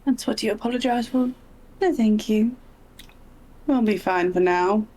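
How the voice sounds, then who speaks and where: A woman's voice: fairly high pitch, measured pace, dark tone. A woman chatting casually as a player in a tabletop game. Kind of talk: casual chat.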